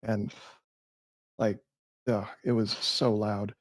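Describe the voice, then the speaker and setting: A young man co-hosting a podcast, talking casually in halting bursts full of likes. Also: lowish voice, level tone, no room sound. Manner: halting with many likes and restarts. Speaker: podcast co-host. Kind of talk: casual chat.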